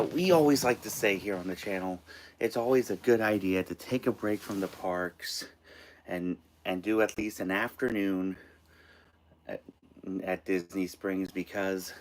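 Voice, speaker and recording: An American man from Maine hosting a casual live stream of tips from inside an RV, halting and restarting his phrases. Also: sits low, slight background noise. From Maine, United States. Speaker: host of a live show.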